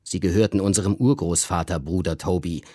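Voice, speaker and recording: A man voicing an irritable, pompous older gentleman who blusters at his household in a literary reading. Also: low voice, a little fast, dry recording, studio quality, voice pushed down. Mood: blustering. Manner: gruff and blustering.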